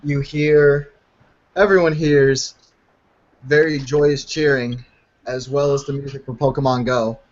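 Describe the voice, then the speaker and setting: A man's voice: mid-range voice, fairly even intonation, unhurried. A man describing a scene during a tabletop game, casual and loose with swearing. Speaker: tabletop player. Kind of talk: casual role-play chat. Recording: dull lo-fi sound.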